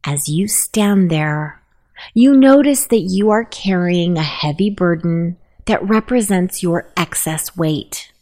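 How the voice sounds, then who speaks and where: A woman narrating a guided meditation, giving gentle, unhurried instructions. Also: fairly low pitch, expressive.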